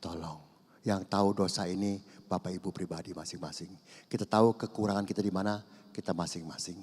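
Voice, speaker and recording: A man over fifty, preaching a conversational sermon and swinging between loud emphasis and hushed asides. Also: deep voice, fairly even intonation, brisk, slightly rough. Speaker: pastor. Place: large church hall. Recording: long church hall reverb.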